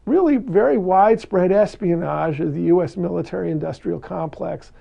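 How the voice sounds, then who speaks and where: Male, interview commentary, heavy vocal fry, dull lo-fi sound. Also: sits high, moderate pace. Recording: dull band-limited interview audio.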